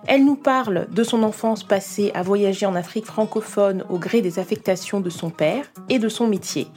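A woman's voice: mid-range voice, normal speed, a little mellow, soft background music. A woman hosting a podcast, introducing her guest and asking open, friendly questions. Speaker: podcast host.

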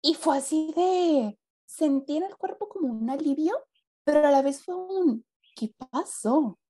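A young woman, chatting casually as a podcast guest. Her voice sits a little high, and she acts out each quoted line with big, animated leaps in pitch. She tells her story in a relaxed, conversational way. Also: measured pace.

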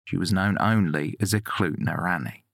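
A man reading a scripted true-crime narration in a measured, sober way. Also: low voice, creaky, a bit bright, no echo, clean studio sound.

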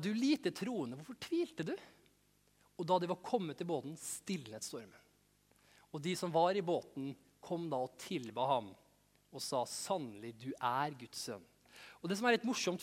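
A man preaching a sermon, telling a Bible story in a lively way and reading scripture aloud. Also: high voice. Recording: long hall reverb.

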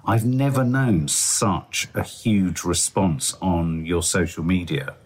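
Wry man, deep low voice. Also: slightly rough. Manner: wry, teasing, quick asides. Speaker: podcast co-host, father. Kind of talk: casual chat.

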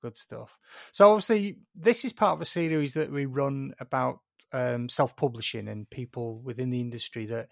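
Matey male podcast host, slightly gravelly. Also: medium pitch, no room sound, clean studio sound. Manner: matey, informal, mild swearing. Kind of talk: hosting a podcast interview.

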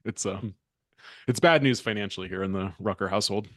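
A man's voice: fairly low pitch, brisk, fairly bright tone, no room sound, studio quality. A man co-hosting a podcast in casual chat, rambling and laid-back with plenty of filler words. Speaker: podcast co-host.

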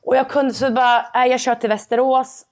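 A young adult woman, a padel player, telling a story in a casual interview and acting out the conversations she recounts. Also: high voice. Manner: animated storytelling, acts out quoted dialogue.

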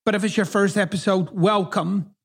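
Creaky and husky, his voice sits high and holds a steady tone at a moderate pace. The speaker is a middle-aged Scot hosting a podcast in a partly Americanized Scottish accent, swearing freely through a blunt, emphatic, casual monologue.

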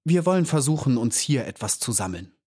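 A man's voice: mid-range voice, sing-song, fairly quick, darkish tone. A man voicing a stern, fussy old female bee who lectures and sighs, in a storybook reading. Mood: sharp. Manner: scolding, sighing, lecturing.

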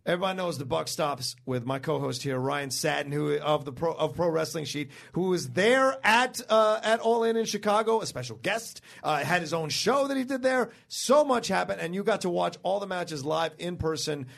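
A man's voice: fairly high pitch, lively intonation, normal speed, vocal fry, hardly any pauses, a bit bright. A man hosting a recap show in a casual, chatty style. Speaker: wrestling recap show host. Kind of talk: casual show presenting and chat.

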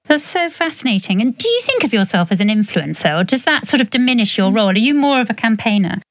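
A woman's voice: fairly high pitch, very animated, fast, no room sound. A woman hosting a conversational interview, putting questions to her guest. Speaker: host, interviewer.

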